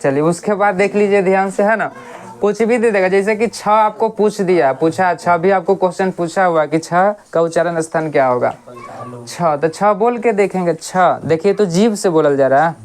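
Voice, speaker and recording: A coaching teacher gives a casual grammar lesson. They ask questions, answer them themselves, and repeat sounds slowly to show them. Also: medium pitch, a little mellow, a little hiss or hum.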